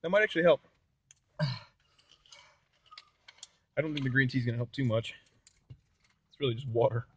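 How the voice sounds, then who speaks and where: A man's voice: medium pitch, normal speed, long pauses, fairly bright tone, lo-fi sound, slight background noise. A man laughing and teasing his in-law while filming him take a hot pepper challenge. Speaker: channel host filming the challenge. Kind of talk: casual chat.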